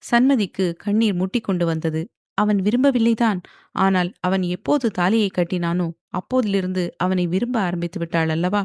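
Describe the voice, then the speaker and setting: A woman narrating a romance audio novel in a steady storytelling manner. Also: mid-range voice, normal speed, dry recording, studio quality. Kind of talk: scripted narration.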